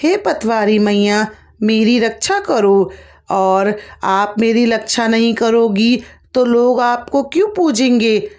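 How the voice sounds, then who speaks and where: A woman's voice: a little high, expressive, takes it slowly, a little mellow. A woman voicing a patient, devout young daughter-in-law who speaks politely and pleads. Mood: pleading.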